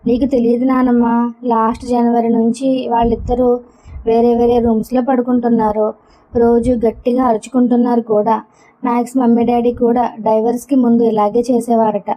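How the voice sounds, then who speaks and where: A woman's voice: fairly high pitch, little pitch movement, normal speed, warm tone, close to an everyday voice. A woman voicing a young, anxious grandson in a read-aloud story, in a pleading, childlike way. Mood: tearful. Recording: dull lo-fi recording.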